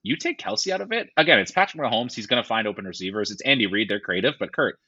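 A man co-hosting a sports podcast, talking in a profane, jokey, animated way. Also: mid-range voice, fast talker, creaky, slightly rough, no echo, highs cut off. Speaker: podcast co-host. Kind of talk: casual sports chat.

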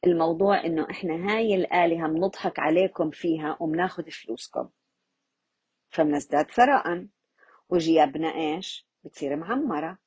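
A woman's voice: sits low, brisk, a little mellow, husky, no room sound, highs cut off. A woman gives an informal Quran reflection lesson, talking conversationally and asking her listeners rhetorical questions. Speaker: religious teacher.

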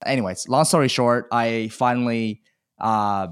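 Speaking at a measured pace in a clean, mid-range voice, this thirtysomething e-commerce seller from China shares his life candidly as a podcast guest. He keeps it chatty and pokes fun at himself, and the studio-quality audio has no room sound.

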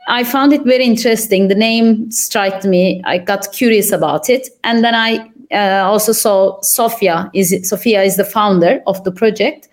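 A young adult woman from Turkey, a podcast guest, answering thoughtfully with frequent pauses and fillers. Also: mid-range voice. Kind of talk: conversational interview answers.

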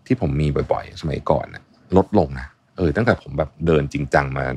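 A man's voice: a bass voice, lively intonation, a little fast, gravelly, a little mellow, breathy edge, dry recording. A middle-aged man hosting a podcast alone and unscripted, talking casually with many fillers and restarts. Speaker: podcast host. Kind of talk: unscripted solo podcast talk.

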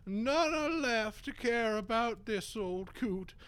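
An actor playing a very old, frail hermit who wails grandly and at length in flowery, theatrical comic audio drama style. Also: male voice, very high-pitched, expressive, fairly bright tone, clean tone, exaggerated voice. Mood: hospitable, rambling. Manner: grandiloquent, wailing, drawn-out complaints in flowery speech. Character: very old, frail, melodramatic male woodland hermit.

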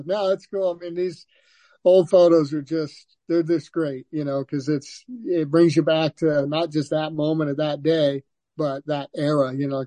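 Older guy telling old racing stories, kinda rambly, dark mellow voice, dry sound. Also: on the high side, dry recording. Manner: relaxed storytelling, frequent restarts and "you know". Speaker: guest, former motocross racer. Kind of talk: casual interview.

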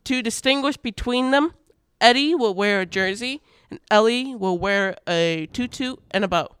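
Teen guy co-hosting the school morning radio, bright crisp voice, upbeat news reading with jokey asides. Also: sits high, moderate pace, dry recording. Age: teens. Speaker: student radio co-host.

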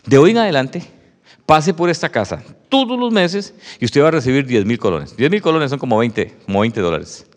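A man preaching a sermon testimony, telling a story with animated acted-out dialogue. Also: medium pitch, moderate pace. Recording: long hall reverb.

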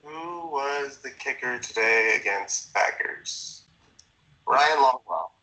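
A man's voice comes through a speakerphone, sharp and very bright in tone. He talks casually and a bit hesitantly, rattling off answers with an offhand, joking ease. The sound has the boxed-in quality of a phone call played into a room. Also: mid-range voice, animated, slow pace. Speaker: surprised listener called as a quiz contestant.

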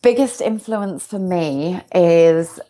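Slow and animated, this young UK success coach has a lowish voice with a dark tone. She's an interview guest in a casual chat, staying bubbly and upbeat while reflecting on her own experiences.

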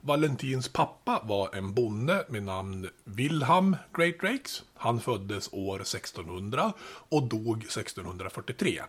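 Male podcast host, low husky voice, casual storytelling narration. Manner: relaxed, chatty explaining with asides.

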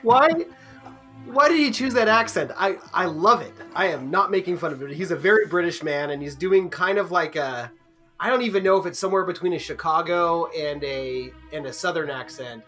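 A man's voice: a little high, fairly quick, fairly bright tone, faint music behind. A man co-hosting a casual TV podcast, enthusiastic and rambling, laughing often. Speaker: podcast co-host. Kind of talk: casual chat.

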